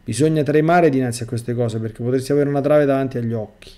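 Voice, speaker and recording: A man's voice: medium pitch, fast talker, warm tone. A middle-aged priest reading a testimony aloud in a sermon and breaking off to exhort his listeners.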